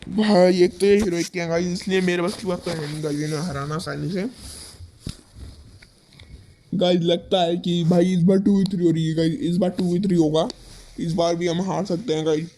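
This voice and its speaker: A young man giving excitable live commentary over his own game, calling his viewers "guys" again and again. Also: high-pitched, normal speed, a little hiss or hum. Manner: excitable, fills every phrase with "guys". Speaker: gaming YouTuber.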